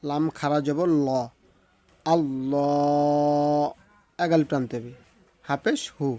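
This is a man with a Bangladeshi Bengali accent patiently guiding a recitation lesson, spelling letter by letter and explaining as he goes. Each word is stretched out slowly in a sing-song lilt. The pitch is fairly high, the tone darkish, and there's no echo.

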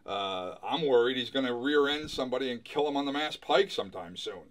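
A man playing a coworker, speaking slowly and hesitantly with a worried tone in a mockumentary interview. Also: mid-range voice, expressive, lightly acted.

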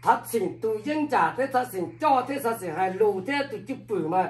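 A man's voice: high voice, lively intonation, fast talker. An older man from Laos, an elder storyteller, recalling the past at length with many repeated filler phrases. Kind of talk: oral history recollection. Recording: roomy echo, speaking away from the mic.

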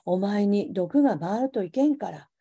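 A woman voicing a grieving middle-aged father in Hiroshima dialect, gruff and protective. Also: mid-range voice, animated, normal speed, warm tone. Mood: grim.

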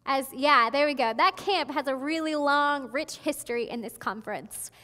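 A young woman with a high, bright voice preaches a friendly, conversational sermon, chatty and earnest, circling back to restart her sentences. Her voice carries a long reverb off the walls of a large sanctuary. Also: expressive, normal speed. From Florida. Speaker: pastor. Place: large church sanctuary, at a pulpit. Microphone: headset mic.

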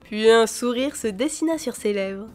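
High-voiced woman reading a novel. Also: moderate pace, soft background music. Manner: expressive, shifting voices for dialogue. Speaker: audiobook reader. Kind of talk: reading a fantasy novel aloud.

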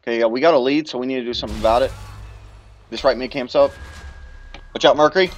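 A young man talks over team voice chat mid-match. His voice sits at an ordinary pitch. He gets excited, stumbles and repeats his words while calling plays. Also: quick pace, slight background noise.

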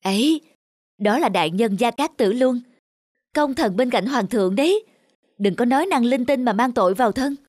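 Over background music, a woman narrates a cartoon folk tale and acts out every character herself with lots of expression. Her voice is a little high and slightly mellow, her pace is normal, and the studio recording is clean with no room sound.

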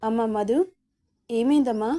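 Caring middle-aged mother, read by a woman, soothing, flat. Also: fairly high pitch, measured pace, close to an everyday voice. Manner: soothing, worried.

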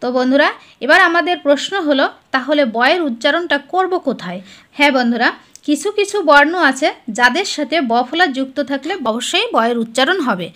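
Woman tutor, high and bright voice, slow careful step-by-step board lesson. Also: animated. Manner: explains step by step, asks and answers her own questions. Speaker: teacher.

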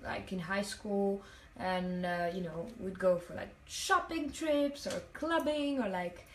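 A young adult livestream host speaks slowly at medium pitch, chatting casually and reading comments aloud with many fillers. She's a native Italian speaker from Italian-speaking Switzerland, sitting on a hotel bathroom floor. The phone is held at arm's length as she talks to a mirror, so the tiled room echoes and a little hiss or hum comes through.

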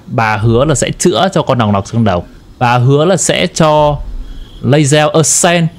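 A male streamer with a Vietnamese accent comments casually as he plays. His voice sits at a middle pitch, with soft music underneath. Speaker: gaming streamer.

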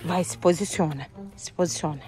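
A woman casually directing a prank in a home video, with quick, chatty instructions. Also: on the low side, fairly even intonation, over music. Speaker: prank accomplice in a vlog. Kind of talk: casual vlog chat.

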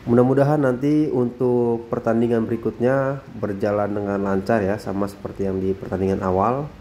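A man narrating his drone footage as a voice-over, calm and unhurried, often tagging sentences with a soft "ya". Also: mid-range voice, slight background noise. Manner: calm, repeats phrases, frequent tag "ya". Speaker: drone vlogger.

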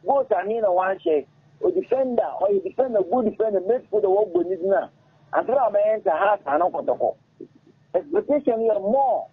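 A husky, lively Ghanaian man whose voice sits high is a former footballer chatting as an interview guest in a radio studio, on a studio mic on an arm. He's halting and repetitive, and switches languages mid-sentence. The sound is muffled and phone-like.

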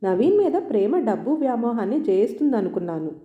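A woman's voice: on the high side, brisk. A woman voicing an earnest young man who is hurt and sarcastic toward the woman he will marry. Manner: calm then biting, sarcastic. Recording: roomy, dull lo-fi sound.

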